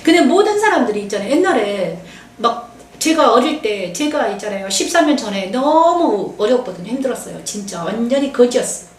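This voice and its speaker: Woman pastor preaching her own story, high voice swinging all over, kinda far from the mic. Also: animated, brisk. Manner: emotional, confiding, quotes others aloud. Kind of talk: testimony sermon. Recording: echoey room, voice from off-mic.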